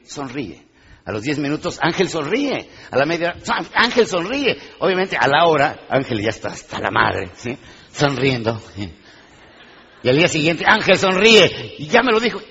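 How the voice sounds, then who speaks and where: A man giving a live motivational talk, animated and questioning his audience, acting out little scenes. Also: medium pitch, slight background noise. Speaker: motivational speaker. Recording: dull, reverberant hall sound.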